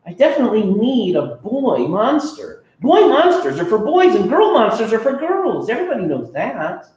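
A man's voice: high voice, wildly swooping pitch, normal speed, darkish tone, heavy reverb, dull audio, pitched above the performer's own voice. A man voicing a nervous, picky young boy speaking to monsters in a storybook. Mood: pleading.

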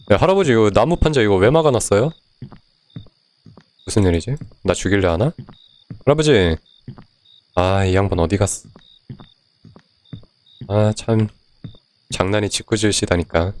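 Male game streamer, lowish voice, loose chatty commentary, reads on-screen text aloud, quick to curse and yell. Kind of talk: casual let's-play commentary.

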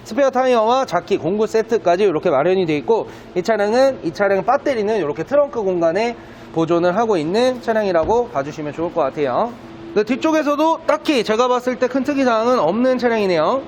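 A man speaking as a used car dealer, giving a polite, persuasive sales pitch in a walkaround of a car. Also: expressive, fairly quick. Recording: dull lo-fi sound, faint background noise.

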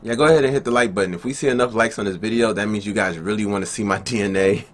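A man's voice: on the low side, very fast. A young man from Nigeria hosting a reaction video, chatting casually and upbeat, talking straight to his viewers as family, in a small indoor room. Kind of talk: casual chat.

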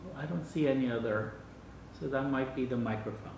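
Testing out a gadget for his home vlog, an older man chats casually in a slightly fast, somewhat mellow mid-range voice. He's in his dining room, with the camera microphone across the echoey space catching faint noise.

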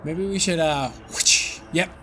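Young dude playing a horror game with his buddy, jokey, gets all hushed and spooky, hissy mic. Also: a little high, unhurried. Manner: jokey, goes quiet and mock-spooky when scared. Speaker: let's play co-host. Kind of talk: casual gaming banter.

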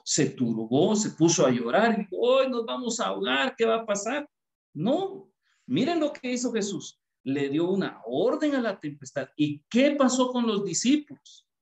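Slow, animated speaker in an echoey room. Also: medium pitch. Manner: asks the listener many rhetorical questions. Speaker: parenting workshop speaker. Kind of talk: parenting talk with Bible reading.

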